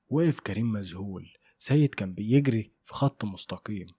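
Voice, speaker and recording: Male horror narrator with an Egyptian Arabic accent, husky and dark, dry close sound. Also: lowish voice, no echo. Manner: measured, suspenseful. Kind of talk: scripted horror story narration.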